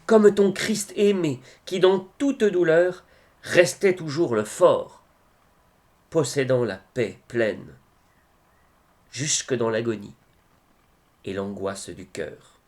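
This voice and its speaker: Solemn and measured, a man reads devotional poems aloud at medium pitch, giving each phrase expression and letting pauses fall between them.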